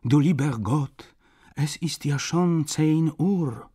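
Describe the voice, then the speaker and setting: A man's voice: on the high side, slow, slightly rough, voice pushed up. A man reading an audiobook, voicing a kindly old German grandmother who fusses over a guest. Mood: doting. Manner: warm doting exclamations.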